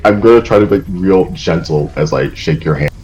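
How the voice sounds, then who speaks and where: A man's voice: low-pitched, expressive, normal speed, darkish tone, highs cut off, a little hiss or hum. A man playing a tabletop game, talking in a hesitant, stammering way. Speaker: player.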